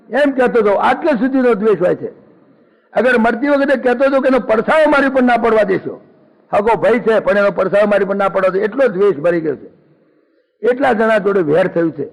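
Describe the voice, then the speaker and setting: A man's voice: high voice, vocal fry, low-quality recording. An older man giving a spiritual discourse, telling a folk story and voicing its characters in homely dialogue. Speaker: spiritual speaker.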